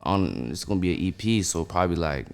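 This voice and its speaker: A man's voice: sits low, expressive, fast talker, vocal fry, smooth, faint music behind. A man guesting as a rapper on a radio show, talking in an easygoing, slangy way. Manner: easygoing slangy talk with "you know" fillers. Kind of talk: casual radio interview.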